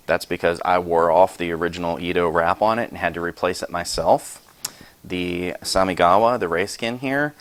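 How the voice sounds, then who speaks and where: Deep-voiced chatty man in his forties. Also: fairly bright tone. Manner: chatty, self-deprecating, rambling asides with sound effects. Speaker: YouTube host showing his sword collection. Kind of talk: casual show-and-tell vlog.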